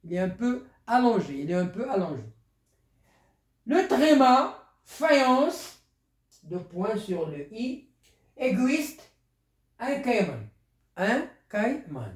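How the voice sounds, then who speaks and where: In a primary school lesson, a teacher speaks at an unhurried pace, repeating each word and explaining step by step so young pupils can keep up. The pitch rises and falls in a lively way, and the voice echoes through a roomy space.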